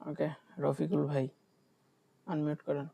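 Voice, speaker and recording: A man's voice: a little high, flat delivery, unhurried, creaky, mellow, breathy edge, low-quality recording. A Bangladeshi man teaching German vocabulary in an online class, explaining patiently and repeating each word. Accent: Bangladeshi Bengali. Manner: explains patiently, repeats words, asks "হ্যাঁ?". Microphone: video call.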